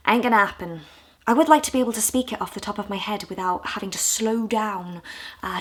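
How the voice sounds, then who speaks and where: A woman from the UK in her twenties, talking candidly and with self-deprecating humor in a casual vlog, her voice a little hoarse. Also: mid-range voice. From United Kingdom. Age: 20s. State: hoarse, low on voice. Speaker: vlogger.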